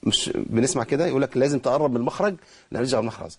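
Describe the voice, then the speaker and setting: A man with an Egyptian accent teaching Quran recitation rules, explaining quickly and slowing down to model drawn-out words. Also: mid-range voice, darkish tone, husky. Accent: Egyptian Arabic. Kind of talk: tajweed lesson, explaining and demonstrating.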